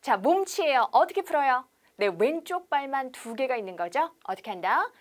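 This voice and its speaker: A woman teaching English on television. She explains in Korean, asks rhetorical questions and drills example sentences slowly. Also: high-pitched. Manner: lively instructor patter with rhetorical questions.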